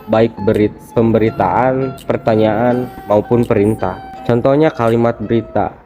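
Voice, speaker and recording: A teenage boy from Indonesia, a student presenting a grammar lesson as steady reading of definitions and examples. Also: mid-range voice. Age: teens.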